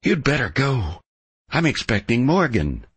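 Man voicing a spirited, husky young ranch woman. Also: mid-range voice, big pitch swings, measured pace, fairly bright tone, no echo, pitched above the performer's own voice, exaggerated voice. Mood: anxious, urging. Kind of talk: audiobook character dialogue.

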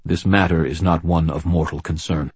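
A man voicing an enormous horned male fae creature who rumbles in stiff, archaic, formal speech in an audiobook. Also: fairly even intonation, normal speed, darkish tone, slightly rough, dry recording. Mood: stiff, solemn. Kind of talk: audiobook character voice.

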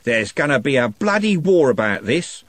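A man performs a menacing gang leader, hissing threats with big pitch swings at normal speed. The voice is mid-range but pitched above his natural one, with no room sound.

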